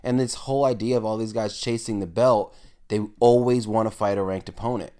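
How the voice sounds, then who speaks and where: A man's voice: fairly low pitch, steady tone, a little fast, dark tone, smooth. A man co-hosting a casual sports podcast, stating his opinions with confidence. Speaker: podcast co-host.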